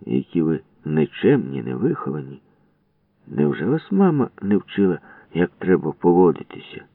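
A man's voice: deep voice, big pitch swings, moderate pace, no echo. Guy putting on a sly sarcastic bully kid from a storybook, swoops up and down, tinny far-off radio. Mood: mocking. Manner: mocking, sarcastic, mock-polite. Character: sly mocking teenage bully boy, smug and sarcastic. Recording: distant tinny phone-like radio recording.

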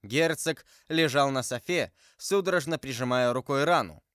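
Brief: male audiobook narrator, even and measured, dry close sound. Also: medium pitch, clean tone, no room sound. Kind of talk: audiobook reading of a classic novel.

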